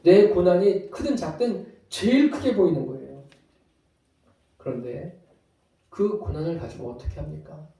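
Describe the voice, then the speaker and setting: High-voiced preacher in an echoey hall. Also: male voice, normal speed, gravelly, pauses often. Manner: acts out quoted lines, shifting from loud to soft. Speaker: pastor. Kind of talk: sermon. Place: church sanctuary. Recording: echoey church hall from far off. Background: congregation answering amen.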